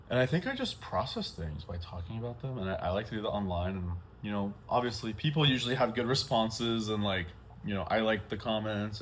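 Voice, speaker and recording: A man's voice: lowish voice, a little hiss or hum. A young man, chatting candidly and rambling while he eats, swearing freely. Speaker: mukbang vlogger. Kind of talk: casual chat while eating.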